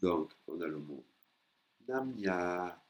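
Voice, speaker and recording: A man teaching a language lesson, patiently explaining and repeating words slowly for learners. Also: low-pitched, rough recording.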